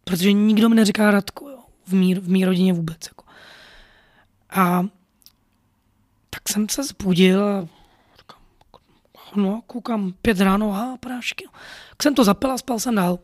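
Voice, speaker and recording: A man's voice: sits high, pauses often, a little mellow, dry recording, clean studio sound. A man telling a personal story in an earnest, rambling way, full of fillers. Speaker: podcast storyteller.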